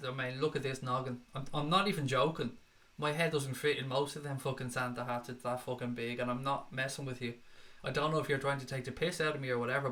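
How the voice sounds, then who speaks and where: Bright-voiced Irish man, sweary and chatty. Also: mid-range voice. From Ireland. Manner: blunt, swears freely, chatty replies to comments. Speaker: livestream host reading chat. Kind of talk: casual chat.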